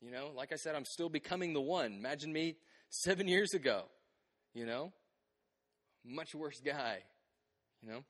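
A man in his thirties preaching a sermon, telling stories with animated delivery and acting out bits of dialogue. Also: fairly high pitch, moderate pace, long pauses. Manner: animated storytelling, acts out quoted dialogue. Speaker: pastor. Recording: long hall reverb.

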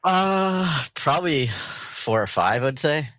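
A man, a DJ guest, answering in a relaxed, brief way in casual chat. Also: on the high side, takes it slowly, dull audio. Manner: laid-back, brief answers, laughs often.

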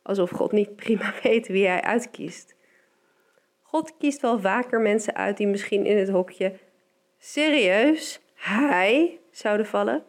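A woman giving a calm, measured Bible meditation, slowing down for emphasis. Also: mid-range voice. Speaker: devotional speaker.

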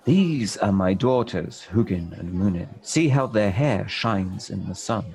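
A man voicing a mysterious one-eyed old man in a pub, speaking slowly and confidingly. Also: lowish voice, expressive, darkish tone.

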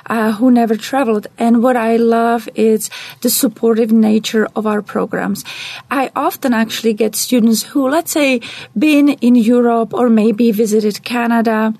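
A woman's voice: on the high side, a little mellow, no echo. Czech-accented woman, enthusiastic, dry sound. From Czech Republic. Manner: enthusiastic, speaks in long flowing answers. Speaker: guest, director of global programs. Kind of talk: podcast interview.

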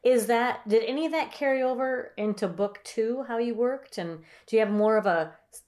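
A woman's voice: on the high side, normal speed, darkish tone. A woman co-hosting a podcast, a writer herself, asking guests with a rising questioning tone. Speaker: podcast co-host. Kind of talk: casual interview chat.

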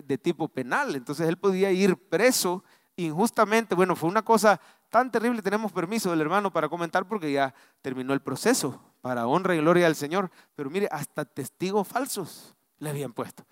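A man with a Salvadoran accent preaching a live sermon to his congregation, swinging from loud exhortation to soft, low asides. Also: expressive, a little fast, no echo, studio quality. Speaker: pastor. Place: church sanctuary.

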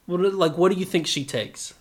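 A man co-hosting a podcast, chatting casually through an episode recap with animated, joking asides. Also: sits high, moderate pace. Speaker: podcast co-host.

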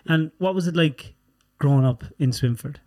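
A man's voice: a little high, normal speed, a little mellow. A man with an Irish accent hosting a podcast in a casual, colloquial interview style. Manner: informal, sweary, colloquial. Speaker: podcast host.

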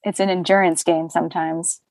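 A young woman, a voice actor, talking casually in an interview, chatty and animated with lots of fillers and laughter. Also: fairly low pitch, moderate pace, no echo.

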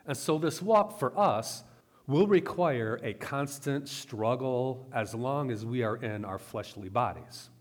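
A man giving a sermon-style Bible teaching, speaking conversationally with asides, slowing to stress key words. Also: medium pitch. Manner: conversational, with asides and filler "right?". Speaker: teacher of a weekly Torah portion.

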